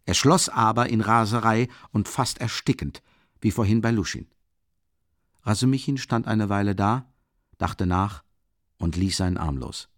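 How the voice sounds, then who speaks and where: A man narrating a classic novel as an audiobook reader, in a measured, even storytelling manner. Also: fairly low pitch, no room sound, clean studio sound. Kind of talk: scripted literary narration.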